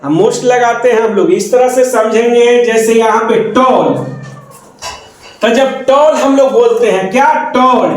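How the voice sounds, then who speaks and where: A man's voice: extremely high pitch, heavy reverb. A man with a Hindi accent teaching an English grammar lesson, repeating terms and asking and answering his own questions. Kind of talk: classroom lesson explaining grammar.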